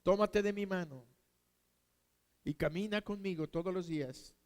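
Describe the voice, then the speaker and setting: A preacher voicing God, who answers in a calm, matter-of-fact, fatherly way. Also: sits high, unhurried, in a large hall, voice pushed down.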